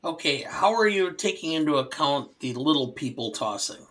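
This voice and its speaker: A male podcast co-host with a bright, forward tone. He tells dry, rambling anecdotes in a relaxed, conversational way. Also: on the high side, normal speed. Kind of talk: casual film discussion.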